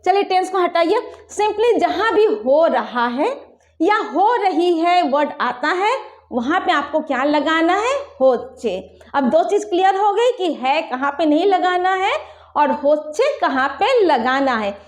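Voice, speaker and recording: A woman teaching a language lesson at a board, explaining patiently and slowing down to spell out example phrases. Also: very high-pitched, animated, echoey room. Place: room with a whiteboard.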